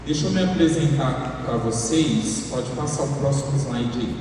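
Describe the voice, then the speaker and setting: A man in his thirties, a worship leader and singing teacher, gives an animated church talk to a live audience and acts out the lines he quotes. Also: mid-range voice, moderate pace. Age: 30s. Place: large church hall. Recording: echoey hall, distant mic, noise.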